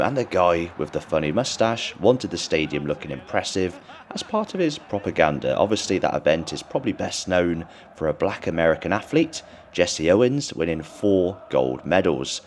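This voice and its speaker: Male football vlogger, English accent: low-pitched, hoarse and strained, informal delivery over light stadium noise. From England. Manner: chatty, informal. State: hoarse, voice partly lost. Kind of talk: vlog narration to viewers. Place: large open football stadium. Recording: noisy stadium ambience. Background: stadium ambience.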